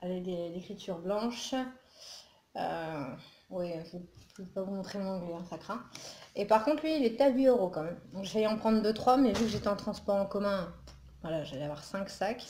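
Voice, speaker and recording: Her voice warm and mid-range at a normal speed, a French vlogger from the north of the country rambles cheerfully about her holiday haul, full of asides and fillers. She records at home with a Christmas tree behind her, in an echoey room with a little hiss or hum.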